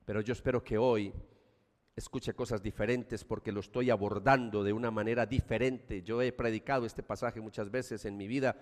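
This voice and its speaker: A man with a Colombian Paisa accent preaching a sermon as pastor, animated, with loud emphasis and quiet asides. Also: lowish voice, moderate pace, in a large hall.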